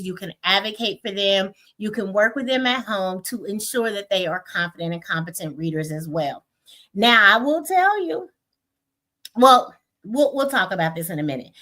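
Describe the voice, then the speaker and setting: A woman hosting a weekly parent webcast, teaching in a casual, emphatic way and often checking in with listeners. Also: mid-range voice. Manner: lively, emphatic, checks in with "right?" and "y'all".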